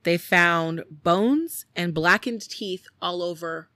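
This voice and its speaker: A woman's voice: fairly low pitch, slow pace, dry recording, clean studio sound. A woman co-hosting a podcast, casually recounting a true-crime case and acting out the people in it, with lots of "like". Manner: animated, acts out quoted people, frequent "like". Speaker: podcast co-host.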